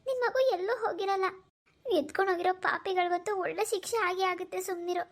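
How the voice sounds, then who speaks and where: A woman voicing a middle-aged mother who soothes her daughter in a cartoon, guilt-ridden and gentle. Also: extremely high pitch, fast talker. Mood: consoling. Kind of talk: cartoon voice acting.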